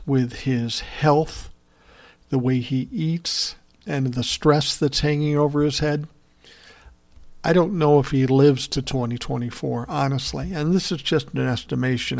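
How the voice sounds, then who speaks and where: Hosting a political podcast, a man with a medium pitch and a darkish tone offers blunt, profane commentary on his opinions. He also responds to listener messages in a conversational way.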